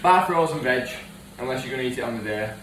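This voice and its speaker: A man's voice: mid-range voice, animated, fast, a bit bright. Giggly man in an echoey kitchen. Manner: giggly, jokey, laughs often. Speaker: co-host of home cooking video. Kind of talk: casual cooking chat. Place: home kitchen. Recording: echoey kitchen, mic far off, noisy.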